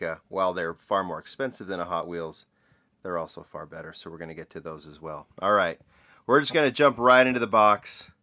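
A deep-voiced man gives a casual toy car showcase, his tone low but with a forceful, bright edge. He talks in a conversational, opinionated way, with plenty of ums and uhs between points. The sound is dry and close, with little room around it. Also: dry recording. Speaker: toy car collector reviewer.

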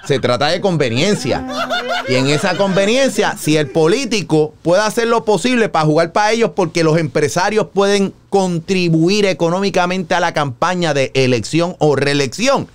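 Joking Puerto Rican radio host. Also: male voice, on the high side, normal speed. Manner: animated, joking, colloquial. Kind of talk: opinionated radio commentary and call-in chat.

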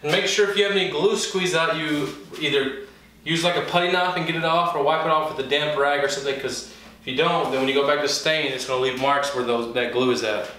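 A man, a woodworking channel host, giving relaxed, plain-spoken how-to narration with small self-corrections. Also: on the high side, fast talker. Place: home garage workshop. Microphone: camera mic from across the room. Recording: very echoey garage, distant mic, faint hiss.

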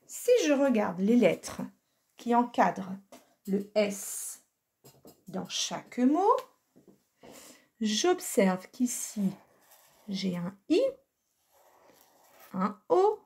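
A woman teaching a recorded lesson for young children, speaking slowly and patiently and carefully sounding out letters. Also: medium pitch, vocal fry. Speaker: primary school teacher.

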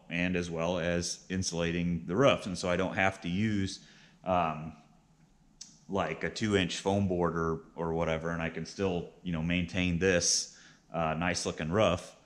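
A man's voice: low-pitched, fairly bright tone. A man in his thirties narrating a casual how-to vlog in a plainspoken, explanatory way, as its host. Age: 30s. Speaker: vlog host, beginner beekeeper. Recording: clearly noisy, with background ambience.

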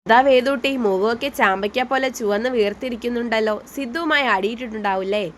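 Storybook reading: a kindly grandmother in her seventies, read by a woman, soothing and lecturing, slightly high. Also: quick pace, a little hiss or hum, natural voice. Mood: fond advising. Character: elderly grandmother, gentle and advising.

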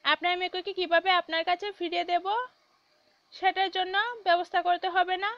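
A woman's voice: extremely high pitch, lively intonation, normal speed, no room sound, highs cut off. A woman voicing a sly male kidnapper who talks in a sweet, coaxing tone in a read-aloud story. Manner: honeyed, smooth-talking.

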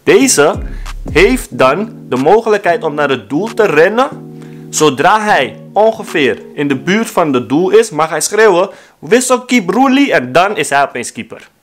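A man's voice: a little high, unhurried, faint music behind. A young man from the Netherlands, a vlogger, telling funny stories casually and acting out quotes in exaggerated voices. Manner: animated, acts out quotes in funny voices, laughs often. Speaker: YouTube vlogger. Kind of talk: casual comedic storytelling.

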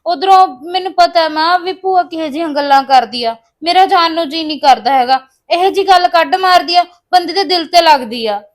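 A woman's voice: extremely high pitch, brisk, few pauses. A woman playing a young unmarried daughter who anxiously pleads with her mother in a family drama. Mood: pleading, upset. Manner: pleading, defensive.

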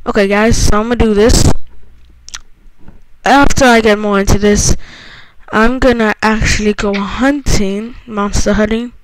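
Slow, rambling woman gamer commentator. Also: medium pitch. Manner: rambling and chatty, hums and sings to herself; talks to the game world as if to a person. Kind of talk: casual gameplay commentary.

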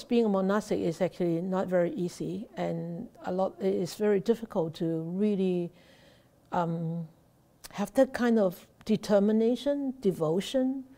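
A middle-aged Buddhist nun from Hong Kong, with a Hong Kong accent and a warm, fairly low voice, gives a slow, halting Dharma talk full of restarts. It was recorded on a laptop webcam in a temple shrine room.

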